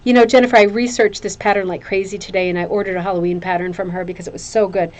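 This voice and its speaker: A woman's voice: mid-range voice, steady tone, racing. A woman hosting a craft show in a casual, chatty way, gushing and rambling, often repeating phrases for emphasis. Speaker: craft show host presenting viewers' hooked rugs.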